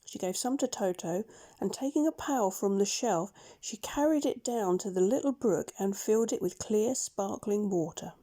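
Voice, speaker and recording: A woman with a mid-range voice reads a scripted children's story aloud as a storybook reader, narrating in a measured, expressive storytelling manner.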